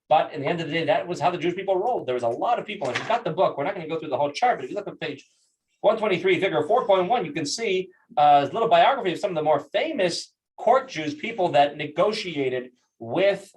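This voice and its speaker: A man, a rabbi, teaching a class through animated, conversational storytelling. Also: a little high. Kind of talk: storytelling lesson. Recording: distant mic.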